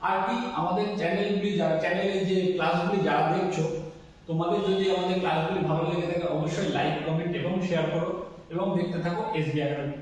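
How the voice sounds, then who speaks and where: Man, high voice, teacher, exam-prep lesson, checks in often, long ringing reverb. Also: fairly even intonation. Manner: reads English lines slowly, checks in with listeners often. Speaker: English teacher. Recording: echoey room, distant mic.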